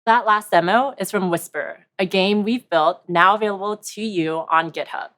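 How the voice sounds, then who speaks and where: A woman's voice: medium pitch, moderate pace. Woman giving a rehearsed tech presentation. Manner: clear, steady, rehearsed delivery. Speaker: conference presenter. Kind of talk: scripted product presentation.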